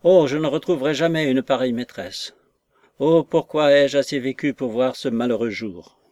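A man's voice: medium pitch, moderate pace, a little mellow, no room sound, close to an everyday voice. A man voicing a distraught lady's maid, a woman who wails and pities herself in a raised, plaintive voice. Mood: lamenting.

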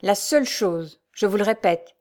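A woman reading the part of an elderly male doctor, grave and sorrowful, with measured, somber replies. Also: mid-range voice, expressive, a little mellow, close to an everyday voice.

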